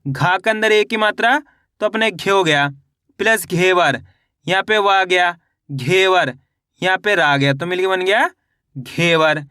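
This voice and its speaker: A man teaching reading, slowly sounding out syllables and repeating each word in a question-and-answer drill. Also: high voice, bright, forceful tone, smooth, dry recording, studio quality. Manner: addresses viewers as friends. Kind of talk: step-by-step spelling lesson.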